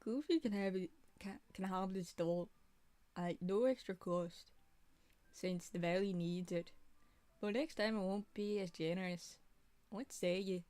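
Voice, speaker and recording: A woman voicing a thrifty older male cartoon duck businessman, reading his lines in a loud, bossy, businesslike way. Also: mid-range voice, measured pace, no room sound, natural voice.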